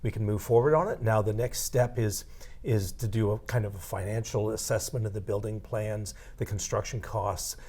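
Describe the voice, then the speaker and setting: A middle-aged man giving an earnest interview about his organization, halting and repeating words as he goes. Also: fairly low pitch, steady tone, mellow. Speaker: outgoing executive director. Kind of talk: studio interview.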